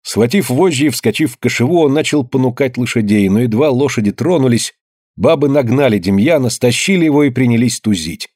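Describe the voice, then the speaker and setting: A man narrating an audiobook in a measured, grave storytelling manner. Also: mid-range voice, expressive, a little mellow, no echo, studio quality. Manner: measured, grave storytelling, slowing at somber moments.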